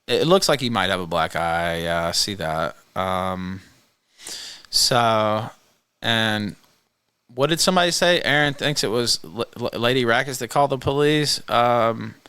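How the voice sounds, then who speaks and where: A man hosting a livestream with casual commentary, speaking hesitantly with pauses. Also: mid-range voice, animated, pushed and bright, clear, resonant tone, dry recording. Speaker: livestream host.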